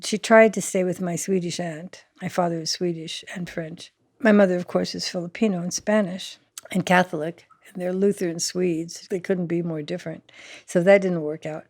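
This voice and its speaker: A woman's voice: fairly low pitch, steady tone, moderate pace, a little mellow, dry recording, clean studio sound. An older woman from the United States, recalling her family's past in an interview in a matter-of-fact way. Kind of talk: reminiscing interview.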